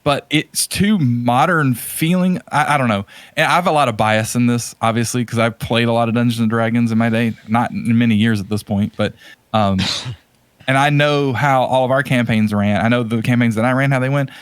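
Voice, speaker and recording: This man co-hosts a podcast and talks movies in a relaxed way, but his takes are forceful and exasperated, with words repeated for emphasis. His mid-range voice stays steady and clean at a normal speed, with no echo.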